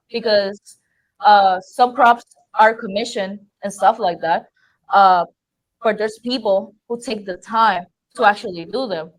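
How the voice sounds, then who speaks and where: Woman, mid-pitched, informal panelist who talks through her craft in loose, rambling explanations. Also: low-quality recording. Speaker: prop maker, panelist. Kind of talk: casual chat.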